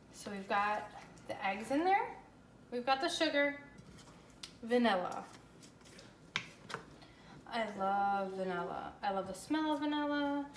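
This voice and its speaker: An American woman with a fairly high voice hosts a chatty, informal cooking demonstration. She sounds chirpy and enthusiastic. The room is clearly echoey, with faint noise behind her. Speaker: host of a home baking show. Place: indoors, home kitchen.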